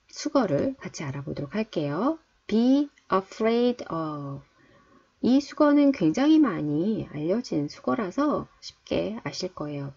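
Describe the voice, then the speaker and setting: Woman book club host teaching idioms; animated pitch, unhurried delivery, slow deliberate repetition. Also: vocal fry, husky. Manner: repeats English phrases slowly and deliberately. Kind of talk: explaining English idioms in a reading lesson. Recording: dull lo-fi recording.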